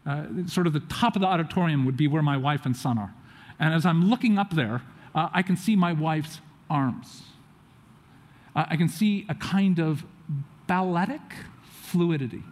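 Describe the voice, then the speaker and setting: Man, high-voiced storyteller, animated with acted quotes, long hall reverb. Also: normal speed. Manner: animated, acts out quotes of others. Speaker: speaker telling a family story. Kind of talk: storytelling talk to an audience. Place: auditorium.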